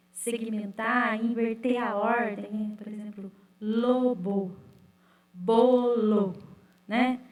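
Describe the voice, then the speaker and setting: A woman's voice: mid-range voice, far from the mic. Chatty woman teacher in an echoey room. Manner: chatty, repeats "né?" and "gente", sounds out syllables slowly. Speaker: literacy teacher trainer. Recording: echoey room, away from the mic.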